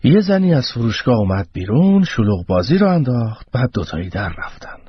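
A man voicing a blustering patrolman who defends himself slowly, in a husky voice over a dull radio broadcast. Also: mid-range voice, very animated. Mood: defensive. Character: self-justifying blustering patrolman.

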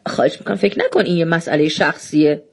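A woman's voice: low-pitched, creaky, breathy edge, pitched below the performer's own voice, exaggerated voice. A woman reading the lines of a rule-bound doorkeeper who apologizes but will not bend, in an audiobook. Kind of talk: audiobook dialogue.

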